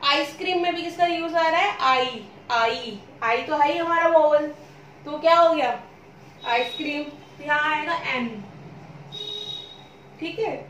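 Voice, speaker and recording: A woman's voice: sits high, measured pace, pauses often, a bit bright, muffled recording, slight background noise. A woman teaching an English grammar lesson who keeps asking questions and then answering them herself. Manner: repetitive questioning, answers her own questions. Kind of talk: classroom-style lesson explanation. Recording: roomy echo, speaking from a distance.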